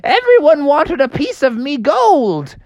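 Woman putting on a squeaky old gold miner. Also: very animated, measured pace, a little mellow, no room sound, full character voice. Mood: folksy. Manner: squeaky, crotchety old-timer drawl. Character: cranky old male gold miner shopkeeper.

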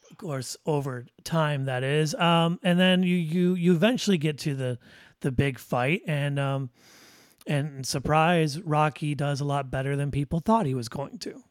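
A man's voice: fairly high pitch, unhurried, dry recording, clean studio sound. A man hosting a casual movie chat, talking in a rambling way with lots of fillers and restarts. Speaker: podcast host.

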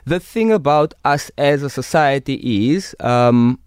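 A man's voice: fairly high pitch, expressive, unhurried, a little mellow, clean tone, no echo, studio quality. A man with a Cape Town Coloured South African accent, talking with conviction in conversation and explaining through examples and analogies. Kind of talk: impassioned conversation.

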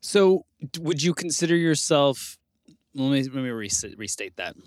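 A man's voice: mid-range voice, animated, normal speed, no room sound, clean studio sound. A man hosting a podcast, reading a scripted intro and then asking questions with many fillers and restarts. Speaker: podcast host. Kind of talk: casual interview chat with scripted intro.

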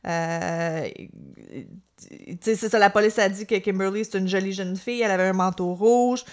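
A woman with a Quebec French accent, telling a crime story in a chatty, animated way on a podcast. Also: mid-range voice, moderate pace. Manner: animated, chatty, with many fillers. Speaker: podcast co-host. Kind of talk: casual storytelling chat.

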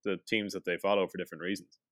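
A man with a west of Ireland accent and a low voice talks casually about sport. He rambles and hesitates, leaning on little filler phrases. The sound is dry, with very little room. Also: little pitch movement, racing, a bit bright, no room sound. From Sligo, west of Ireland. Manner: hesitant, rambling, many "like" and "you know". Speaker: podcast co-host.

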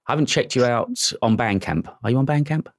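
A man's voice: medium pitch, expressive, fairly quick, no room sound, clean studio sound. A middle-aged man hosting a show, rambling a little with plenty of fillers as he interviews a guest. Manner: rambling, warm thanks, many fillers. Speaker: radio show host. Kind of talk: casual interview chat.

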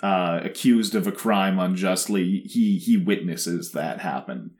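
A man's voice: deep voice, darkish tone. A man co-hosting a casual recap chat, sarcastic and rambling, mocking the scenes he describes. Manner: sarcastic, rambling, mocks scenes with quick put-on voices. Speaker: podcast co-host.

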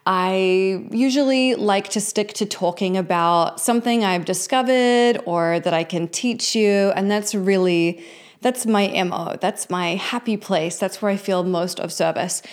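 A woman's voice: mid-range voice, a little slow. A woman of about forty hosting her own show, talking candidly and reflectively in a confessional, conversational life update to her followers. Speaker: host of a personal show.

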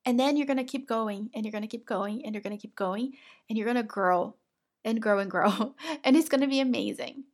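A Brazilian woman whose first language is Portuguese speaks with a Brazilian Portuguese accent while hosting a motivational podcast, warmly calling the listener "my love." She's a women's business coach, and her voice is on the high side and a little fast.

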